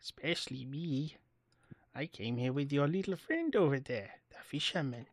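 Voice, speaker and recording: A man's voice: medium pitch, lively intonation, moderate pace, dry recording, studio quality. A man voicing a small, mocking, mischievous shapeshifting spirit in a tabletop game. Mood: smug, mischievous. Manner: taunting.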